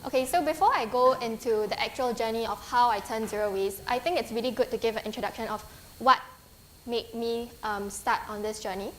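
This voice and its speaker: A Singaporean-accented woman in her twenties, appearing as a guest speaker, gives a slide-based conference talk to students in a lecture hall. Her slightly high, fairly bright voice moves a little fast, friendly and earnest, with frequent ums and restarts. A faint hum lingers underneath.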